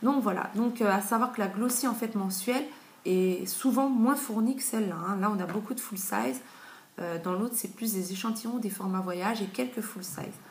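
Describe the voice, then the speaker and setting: A woman's voice: mid-range voice, normal speed. A woman in her thirties giving a casual, chatty review of beauty products, with plenty of fillers. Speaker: beauty vlogger. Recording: echoey room with faint noise.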